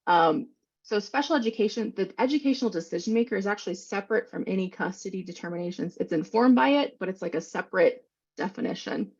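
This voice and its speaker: Woman, online training presenter, gravelly, breathy, quick casual explaining, muffled call audio. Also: mid-range voice, animated, a little mellow. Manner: quick, informal explaining with many fillers. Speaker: presenter on special education law.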